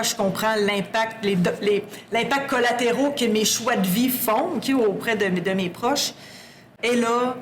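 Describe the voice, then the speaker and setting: A Québécois woman, a sustainability executive appearing as a podcast guest, talks candidly and at length in a casual conversation, frequently restarting her sentences. Her voice is fairly high, with slight background noise in the recording.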